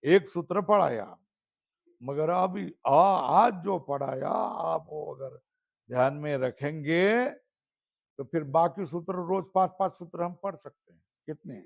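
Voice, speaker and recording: Slow high-voiced man quizzing students. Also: gravelly. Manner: quizzing students, repeating "है ना?", chanting terms. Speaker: Sanskrit grammar teacher. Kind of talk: classroom lesson with question and answer drills. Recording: slightly dull lo-fi recording.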